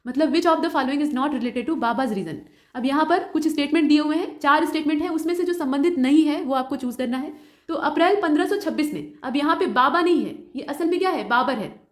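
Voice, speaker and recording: A woman tutor working through exam quiz questions, explaining each answer option step by step and mixing English terms into her speech. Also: sits high. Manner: mixes English terms into Hindi.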